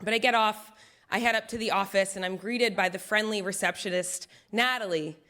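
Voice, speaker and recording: A woman telling a personal story on stage in an animated, self-deprecating, conversational way. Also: medium pitch, brisk. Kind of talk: live first-person storytelling.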